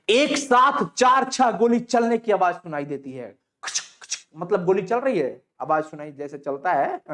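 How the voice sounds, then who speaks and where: A man's voice: sits high, a bit bright. A male teacher walks students through a play, narrating each scene. He stops often to quiz them with short questions. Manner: retells the scene, quizzes students with quick questions. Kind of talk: explaining a Hindi play to students.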